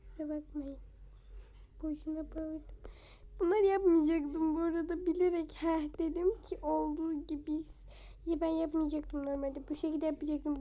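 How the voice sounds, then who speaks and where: Woman gaming creator, high and mellow, chatty gameplay commentary, mutters while building. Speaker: game video creator.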